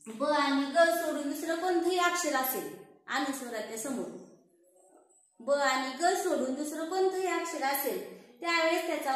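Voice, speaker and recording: A woman teaching a class, drawing words out slowly, repeating them and quizzing her students. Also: high voice, a bit bright. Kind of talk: classroom lesson on reading and writing. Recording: very echoey room.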